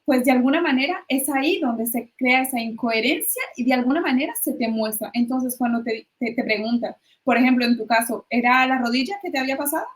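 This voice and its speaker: A woman's voice: high-pitched, a little fast, few pauses. A woman guest expert explaining ideas in a conversational interview, with hesitant restarts.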